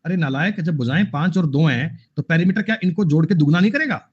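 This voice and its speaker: A man's voice: on the high side, quick pace, slightly rough, highs cut off. A man teaching an online math class, repeating points and scolding students in a teasing way. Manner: scolding, repetitive, addresses students as beta.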